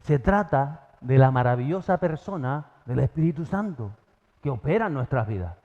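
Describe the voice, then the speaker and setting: A man preaching a sermon as pastor, acting out biblical dialogue with sudden jumps in pitch. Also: expressive, normal speed, mellow. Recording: dull sound, long church reverb.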